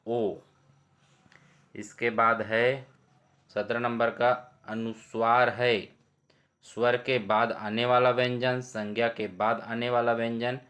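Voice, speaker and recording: A man's voice: medium pitch, fairly bright tone. A man teaching as he reads quiz questions and options aloud and explains each answer step by step. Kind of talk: exam quiz lesson.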